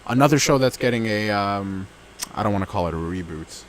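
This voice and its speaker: A man in his twenties co-hosts a casual podcast chat, rambling with plenty of fillers and restarts. His fairly low, expressive voice moves a little fast, recorded outdoors under a backyard gazebo with a little hiss or hum.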